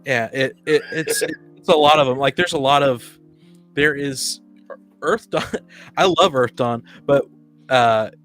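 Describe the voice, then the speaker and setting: A man speaks a little slowly in a mid-range, somewhat bright voice, with soft music playing behind him. As a panelist in a casual podcast chat about tabletop roleplaying games, he's opinionated and blunt, often stumbling and saying words twice.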